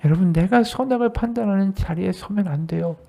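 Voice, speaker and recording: Preaching a sermon during a church service, this associate pastor has a gravelly, medium-pitched voice and talks a little fast. He swings animatedly between rising and falling tones, putting plenty of rhetorical questions to his congregation.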